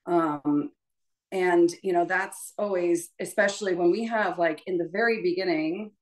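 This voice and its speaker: This clip, recorded roughly, features a woman with a lowish voice taking her time as she leads a choral workshop. She teaches music in a chatty, informal way, often checking in with those listening.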